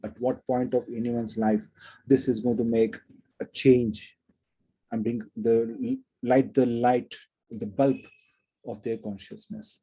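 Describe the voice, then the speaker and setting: A man's voice: mid-range voice, warm tone, breathy edge, poor audio. A man giving an earnest spiritual talk and telling a moral story, repeating words for emphasis. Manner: earnest, repetitive emphasis, frequent restarts. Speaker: spiritual speaker.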